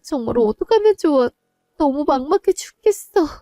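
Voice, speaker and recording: A woman's voice: high-pitched, lively intonation, moderate pace, mellow, dry recording, clean studio sound, voice pushed up. A woman voicing a distraught young wife and daughter who pleads and cries out in a one-voice audio drama. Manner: pleading, rising to anguished cries.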